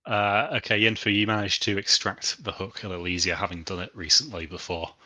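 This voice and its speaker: Male game master, low but forceful tone, halting improvised narration. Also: level tone.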